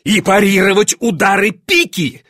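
A man reading an audiobook and voicing an excitable, imperious grand duke who barks orders and laughs. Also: high voice, normal speed, husky, no echo, studio quality, pitched above the performer's own voice. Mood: eager. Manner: commanding, shouting eagerly, laughing.

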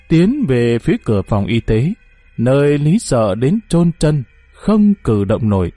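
A man's voice: medium pitch, warm tone, dry recording. A man narrating a horror story in a dramatic, suspenseful way.

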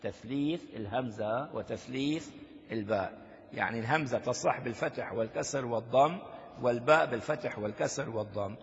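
An older sheikh with a gravelly, medium-pitched male voice gives classroom commentary on a hadith text. He explains unhurriedly and poses rhetorical questions to his listeners, captured in a lo-fi recording with long reverb from a hall.

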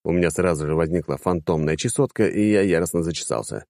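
Male audiobook narrator, low voice, wry and animated, dry close recording. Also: fast, no room sound. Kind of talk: first-person audiobook narration.

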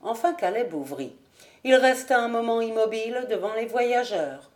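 A woman narrating an audiobook in a measured, even reading voice. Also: on the high side. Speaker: audiobook reader.

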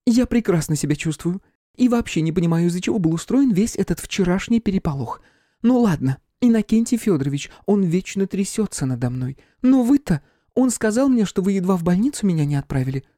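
A man reading an audiobook, voicing a frightened, distraught young female clairvoyant in a high, shrill, pleading voice. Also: lively intonation, a little fast, warm tone, dry recording, studio quality, lightly acted.

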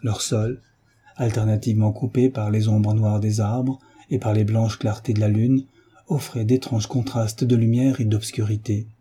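A man narrating a classic novel aloud in a measured, dramatic reading. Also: lowish voice, flat delivery, dark tone, husky. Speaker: audiobook narrator.

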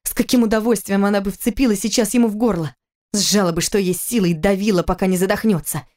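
A woman narrating an audiobook in a steady, even storytelling manner. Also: medium pitch, fast talker. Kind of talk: scripted narration.

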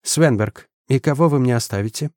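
A man's voice: medium pitch, normal speed, darkish tone, no echo, studio quality, natural voice. A man doing a proud, biting woman president. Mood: cold, biting. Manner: curt, composed, biting. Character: proud, sharp-tongued female president, middle-aged.

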